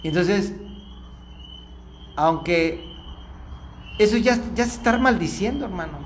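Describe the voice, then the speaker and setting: A man, preaching a church lesson in an animated way, moving between emphatic points and quiet asides. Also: sits high, measured pace, slight background noise.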